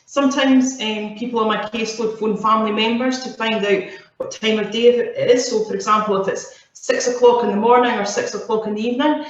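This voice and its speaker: A woman's voice: a little high, fairly even intonation, fairly quick. A woman speaking as an occupational therapist over a video call, explaining plainly and listing examples. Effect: heard over a video call. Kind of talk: casual explanatory talk. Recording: muffled, very echoey video call audio.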